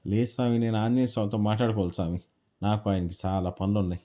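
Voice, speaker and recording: A sad, stubborn orphan boy from a bedtime story, his voice pushed a little higher and louder than the storyteller's own, as a man puts him on. The tone stays dark and mellow underneath. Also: flat delivery, very fast, close to an everyday voice. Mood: pleading. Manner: raised, plaintive, slightly higher voice. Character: poor orphan village boy, upset and stubborn.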